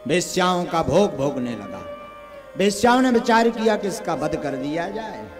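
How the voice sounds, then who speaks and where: A man's voice: a little high, big pitch swings, normal speed. A male preacher with a north Indian Hindi accent, telling a scripture story in a sing-song way, acting out dialogue and putting questions to the crowd. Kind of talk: devotional sermon with storytelling. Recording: live sermon with instrument music behind. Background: musical instrument accompaniment.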